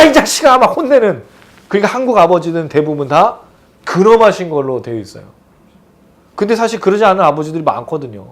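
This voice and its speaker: A man preaching a sermon as a pastor, animated and throwing rhetorical questions at the audience. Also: on the high side.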